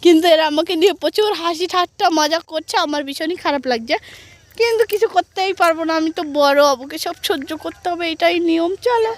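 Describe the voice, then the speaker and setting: Hoarse woman vlogger, high-pitched, playful mock-complaining, filmed outdoors on a phone. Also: fast, no room sound. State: hoarse from a cold. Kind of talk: casual vlog chat to viewers. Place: outdoors in open farm fields.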